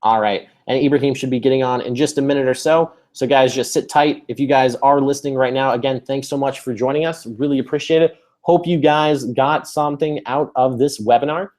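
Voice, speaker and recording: A man's voice: mid-range voice, steady tone, fairly quick, few pauses, a little mellow. A man hosting a live webinar over a video call, upbeat and chatty, with many fillers and restarts. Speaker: webinar host.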